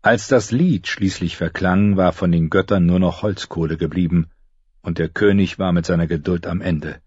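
A man narrating an audiobook in a steady, measured storytelling manner. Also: sits low, husky, dry recording, dull audio. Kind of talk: scripted narration.

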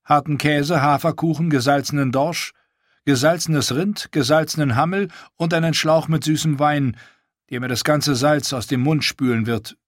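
A man's voice: on the high side, moderate pace, dry recording, pitched above the performer's own voice, natural voice. Fearless wildling woman as a male narrator plays her, raised voice, firm, self-assured, dry close sound. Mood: matter-of-fact.

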